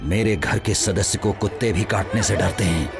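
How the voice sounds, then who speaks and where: A cruel gangster boss speaks low and gloating, every line a threat. Film music plays softly beneath. It is a dubbed action film. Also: male voice, moderate pace, gravelly. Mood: menacing. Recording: film dub with background music.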